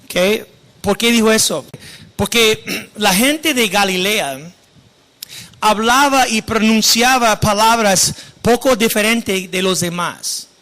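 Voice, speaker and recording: A man's voice: high voice, slow, sharp tone. A male pastor teaching a sermon in a conversational way, often restarting his words.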